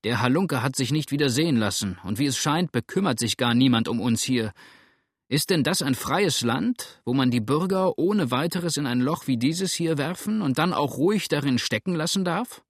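A man's voice: mid-range voice, lively intonation, moderate pace, no echo, studio quality. A man reading an audiobook, voicing an indignant young sailor complaining from a jail cell.

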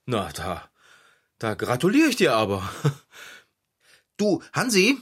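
A man playing a cheerful, optimistic bicycle repairman in a children's radio play, excitable and husky. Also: takes it slowly, full character voice. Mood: excited. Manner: excitable, swoops wildly in pitch.

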